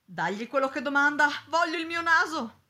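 A desperate gentleman shrieks in high, piercing cries, as a woman puts him on for a storybook reading. The voice is bright and shrill and swings wildly in pitch. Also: expressive, moderate pace, exaggerated voice. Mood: anguished. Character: frantic gentleman who lost his nose.

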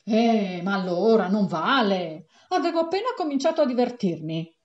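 A woman's voice: a little high, expressive, measured pace, reverberant, lo-fi sound. A gleeful carefree lady, voiced by a woman. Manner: bright, gleeful exclamations. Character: cheerful office-worker lady, carefree.

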